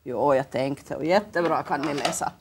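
A woman's voice: deep voice, a little hiss or hum. A woman with a Finland Swedish accent hosting a children's TV show, coaxing the kids with cheerful, sing-song questions. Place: local TV studio.

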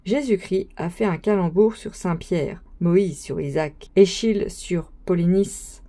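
In an audiobook reading, a woman voices a pompous young male student who lectures his friends in a grand, sermonizing style. Her voice is on the low side and warm, and she keeps a measured pace.

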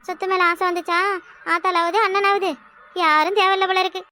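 A woman's voice: very high voice, level tone, fairly quick, pushed and bright, slight background noise. A woman with a southern Tamil accent from Kanyakumari voicing a fretful young village wife in a cartoon. She complains and laments, often exclaiming to herself. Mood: lamenting. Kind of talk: cartoon voice acting.

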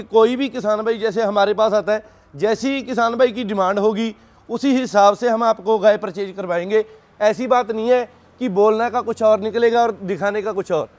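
On a dairy farm, a cattle seller with a strikingly high-pitched voice shows off his animals in a casual sales pitch. Throughout, he keeps calling the listener "sir."

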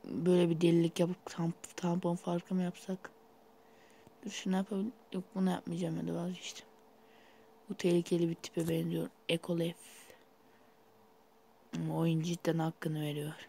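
A man's voice: fairly high pitch, flat delivery, normal speed, vocal fry, pauses often, dark tone. A young man giving casual, rambling gameplay commentary while sleepy, with sudden startled outbursts. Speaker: gaming YouTuber.

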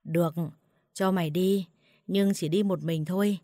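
Woman narrator voicing a bitter, bullying husband in a storybook reading; low, dry, harsh. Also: fairly even intonation, measured pace, mellow, dry recording. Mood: scornful. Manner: harsh, scolding. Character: angry opium-addicted husband, abusive, suspicious.

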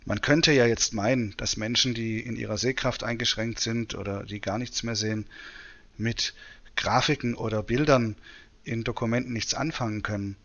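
A man presenting a software demonstration in tutorial narration. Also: mid-range voice, fairly even intonation, moderate pace, highs cut off. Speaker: presenter demonstrating screen reader.

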